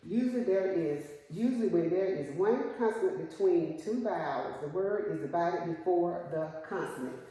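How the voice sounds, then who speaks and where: A patient woman teaching a one-on-one phonics lesson, asking question after question and echoing back the answers. Her voice is dark and mellow. It rings with long reverb in an echoey room. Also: on the low side, expressive, moderate pace, hardly any pauses. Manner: patient, asks questions and repeats the student's answers. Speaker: reading teacher.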